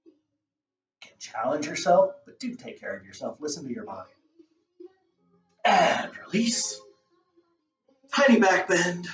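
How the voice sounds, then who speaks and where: A man teaching a beginner yoga class, giving calm, encouraging cues with casual asides and getting a little out of breath. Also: a little high, a little fast. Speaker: yoga instructor. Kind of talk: guided yoga class instruction. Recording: roomy, distant, dull camera audio with faint music.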